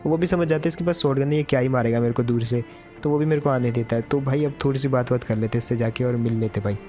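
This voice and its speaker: A man's voice: mid-range voice, quick pace, a little mellow, soft background music. A man giving casual commentary over a mobile game match, chatty and addressing his viewers as brother.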